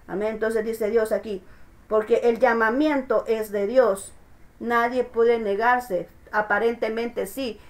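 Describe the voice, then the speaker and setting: A woman pastor preaching a sermon, emphatic and repeating her phrases, often asking her listeners for agreement. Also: fairly high pitch.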